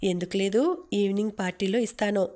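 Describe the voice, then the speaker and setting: A doting young man in an audiobook story, teasing and affectionate, as a woman narrator reads him. The voice stays flat and even. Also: medium pitch, fast talker, close to an everyday voice. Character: young man, devoted playful lover.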